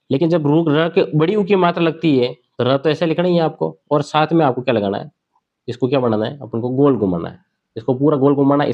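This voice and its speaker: A male grammar teacher explains sounds step by step as he writes, putting questions to the class and answering them himself. His voice sits at an ordinary middle pitch. The recording is a little dull and lo-fi. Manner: repeats key words slowly. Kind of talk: classroom board lesson.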